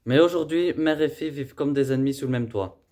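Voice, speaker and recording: A man narrating a reality documentary in a calm, measured voice-over. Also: medium pitch.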